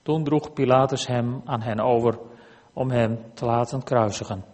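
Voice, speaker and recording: A man giving a measured, deliberate scripture reading in a church. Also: medium pitch, steady tone, darkish tone, long reverb tail. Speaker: scripture reader.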